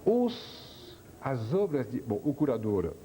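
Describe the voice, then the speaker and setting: A man's voice: medium pitch, sing-song, slow, mellow, slight background noise. A man from France, a chef guest on a TV talk show, telling his story with enthusiasm. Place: TV studio.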